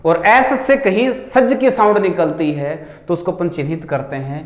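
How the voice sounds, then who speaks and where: A man with a fairly high voice talks through a test paper as a teacher, with a Rajasthani accent. He explains step by step, putting questions to the class and answering them himself. His voice rings in a roomy, echoing space. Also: animated, moderate pace. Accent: Rajasthani Hindi. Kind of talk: exam paper solution lesson. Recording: echoey room.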